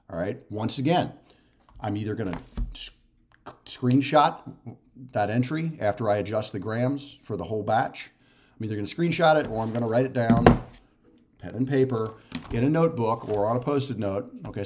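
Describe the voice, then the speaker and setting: A fitness and nutrition coach in his forties talks casually to the camera from his living room, his voice lowish and a little mellow. He walks through things step by step, repeating himself and often checking in with "okay?" or "right?"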